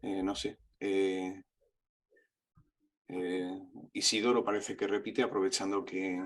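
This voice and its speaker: Low-voiced hesitant course moderator, a man. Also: level tone, slow pace. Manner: hesitant, with many fillers. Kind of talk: moderating an online Q&A.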